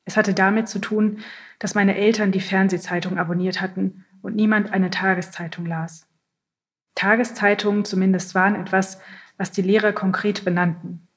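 Reading first-person literary prose aloud, a woman keeps a calm, measured pace. Her mid-range pitch hardly shifts, so the narration comes across steady, even, and nearly flat, like a scripted audiobook.

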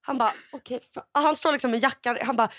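A woman's voice: high-pitched, fairly bright tone, no echo, studio quality. A middle-aged woman co-hosting a casual podcast, telling a story and acting out the lines she quotes. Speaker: podcast co-host.

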